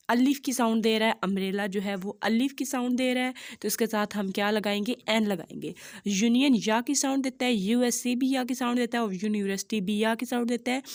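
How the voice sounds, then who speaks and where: A woman, teaching English grammar in a patient, step-by-step lesson and often checking that students follow. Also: medium pitch. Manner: patient, repeats "theek hai" to check understanding; spells out English examples slowly and deliberately. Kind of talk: classroom lesson explaining articles.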